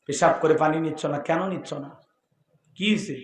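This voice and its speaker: A man preaching a waz sermon to a crowd, asking rhetorical questions and moving from low talk to shouted calls and chanted recitation. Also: moderate pace. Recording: echoey loudspeaker sound at a gathering.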